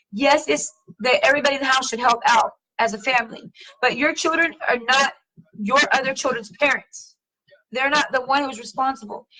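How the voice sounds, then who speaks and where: A woman's voice: high-pitched, bright, forceful tone, low-quality recording. A woman hosting a talk show, speaking bluntly and emphatically, lecturing listeners directly and swearing freely. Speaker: podcast host. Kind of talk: casual opinionated talk.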